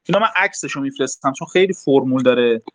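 A man's voice: medium pitch, lively intonation. A young man explaining mathematics casually in an online group talk, step by step with frequent fillers. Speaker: math talk host.

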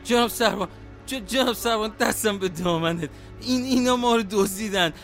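High-pitched pleading older taxi driver played by a man. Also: fairly bright tone, faint music behind. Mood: panicked. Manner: pleading, stammering under pressure. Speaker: voice actor in an audio drama. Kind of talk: dramatic audio drama acting.

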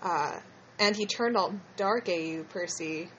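A woman's voice: fairly low pitch, unhurried, fairly bright tone, dull audio, slight background noise. A woman with a slushy lisp hosting a casual fan discussion in a hesitant, rambling way. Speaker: podcast host.

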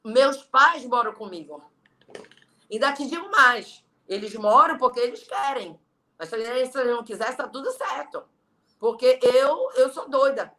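A middle-aged Brazilian woman speaks in a high, bright voice with a Brazilian Portuguese accent. She is an interview guest who lectures bluntly and with emphasis, preaching self-reliance. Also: measured pace. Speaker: guest, entrepreneur and online leader. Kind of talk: motivational interview talk.

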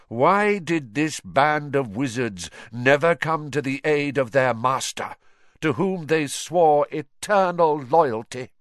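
A man voicing a cold, menacing dark wizard lord from a storybook, speaking with deliberate, theatrical disdain. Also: fairly high pitch, no echo, clean studio sound, pitched above the performer's own voice. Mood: accusing, cold.

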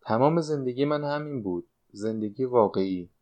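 A man's voice: mid-range voice, animated, a little mellow, natural voice. A man reading the part of a fretful, nostalgic woman of sixty-nine, a former stage dancer, in an audiobook. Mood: confiding.

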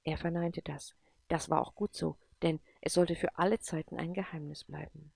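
Low gravelly woman reading a story. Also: normal speed. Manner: calm, even reading.

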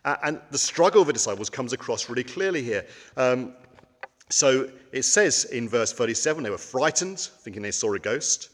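A man's voice: mid-range voice, animated, normal speed. Man preaching in a reverberant hall. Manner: conversational, with frequent ums and rhetorical questions. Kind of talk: sermon.

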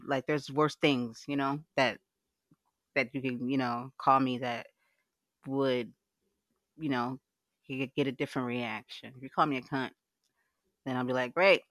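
A woman's voice: a bass voice, dry recording. Woman, live audio host, casual chat, laughs often, blunt talk, dry close sound. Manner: chatty, laughs often, frank with swearing. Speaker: livecast host.

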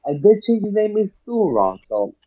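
A man's voice: high voice, very animated, normal speed, no echo. A man co-hosting a casual podcast, mixing into his English. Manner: switches between English and Spanish. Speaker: podcast co-host. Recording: dull lo-fi mic.

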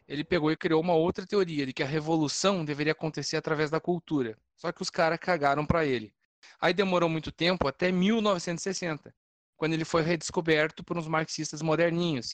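A man's voice: a little high, steady tone, fast talker, dry recording. A man with a Brazilian accent explaining things casually as a podcast panelist, often stumbling into his sentences.

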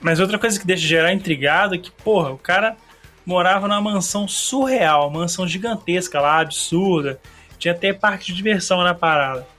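A slightly hoarse man hosts a casual solo podcast. He rambles in a slangy, chatty way, his voice sitting a little high. A song plays faintly in the background. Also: fairly quick, pushed and bright, faint music behind. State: a bit hoarse. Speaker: podcast host. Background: faint song playing.

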